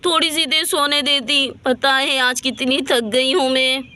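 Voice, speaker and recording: A woman's voice: high voice, steady tone, unhurried, sharp tone. A woman voicing a weary mother grumbling at being woken from sleep. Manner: weary, complaining.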